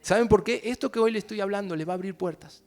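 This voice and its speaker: A young adult man with an Argentine accent preaching a sermon as a pastor, emphatic and swinging between soft asides and loud declarations. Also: sits high, fast, faint music behind. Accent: Argentine Spanish.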